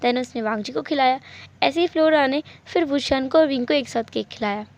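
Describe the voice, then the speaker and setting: High-voiced woman narrating fan fiction. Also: fairly quick, a little mellow. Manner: chatty, mixing Hindi with English words. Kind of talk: storytelling narration with direct address to viewers. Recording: dull lo-fi home recording.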